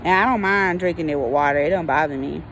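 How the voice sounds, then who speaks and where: American lady vlog chat, kinda low voice, folksy n rambly, bit of outside noise behind her. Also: fast talker, fairly bright tone. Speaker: vlogger. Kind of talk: casual chat to viewers, rambling.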